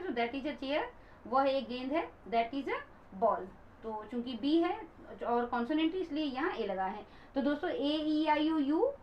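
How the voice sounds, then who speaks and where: A woman's voice: high voice, a little hiss or hum. A woman teacher patiently explaining grammar to viewers, calling them friends and switching into English example sentences. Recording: dull lo-fi recording.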